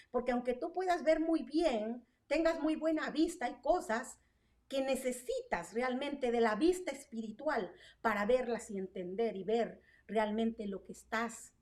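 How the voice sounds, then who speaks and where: A woman's voice: high-pitched, darkish tone, far from the mic. A woman preaching an online sermon with fervent energy, asking rhetorical questions and tagging her points with "¿verdad?". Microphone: online stream.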